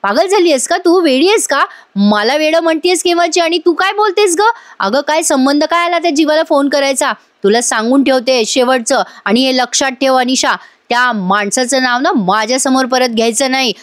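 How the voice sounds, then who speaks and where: A woman voicing an angry, defiant young woman who speaks in sharp, scolding lines. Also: high voice, steady tone, normal speed, dry recording, studio quality.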